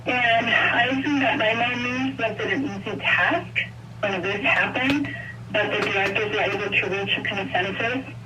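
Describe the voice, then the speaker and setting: A woman's voice: mid-range voice, normal speed, recorded from a distance, muffled recording. A woman giving a polite, prepared public comment over a scratchy conference call line that keeps breaking up. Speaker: public commenter at a board meeting. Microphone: phone on a conference call.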